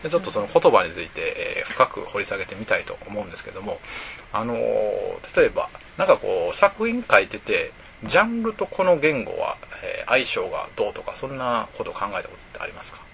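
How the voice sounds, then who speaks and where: A man with a Kansai accent hosting a casual radio chat, chatty and quick to laugh as he steers the conversation. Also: lowish voice, big pitch swings, creaky, a bit bright, a little hiss or hum. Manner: chatty, laughs easily, leads the talk. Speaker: radio host.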